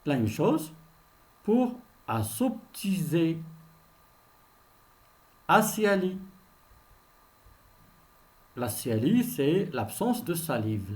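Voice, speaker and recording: A man teaching a French pronunciation lesson, saying each example word slowly, often twice, and explaining its meaning in simple terms. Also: fairly high pitch. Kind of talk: slow reading-lesson pronunciation drill.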